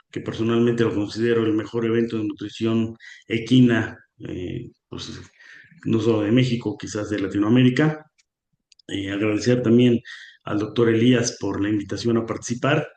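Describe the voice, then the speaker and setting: A guest lecturer on equine nutrition delivers an online conference talk in a fairly low, darkish voice. He hesitates a lot, fills his speech with fillers, and sounds like he has a slightly sore throat, all within a roomy, echoing recording.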